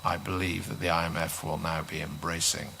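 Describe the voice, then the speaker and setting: A male panelist answering a question at a conference, measured, pausing often with "um". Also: low-pitched, level tone, creaky, background noise. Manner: measured, many "um" pauses, dry aside. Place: conference hall.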